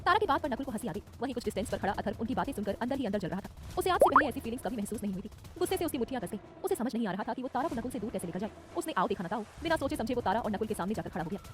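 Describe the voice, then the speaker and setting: A woman narrating a romantic audio story in a brisk, dramatic scripted style. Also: fairly high pitch, sing-song, slight background noise. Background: soft music.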